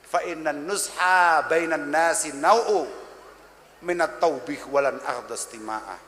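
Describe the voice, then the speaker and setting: Male preacher, 30s, Javanese accent, teasing and blunt, drops in Arabic verses; high voice, recorded in a reverberant hall with faint ambience. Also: takes it slowly, a bit bright, slight background noise. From Java, Indonesia. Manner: teasing, blunt, mixes Arabic recitation with jokes. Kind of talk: humorous sermon to a live crowd. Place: large event hall.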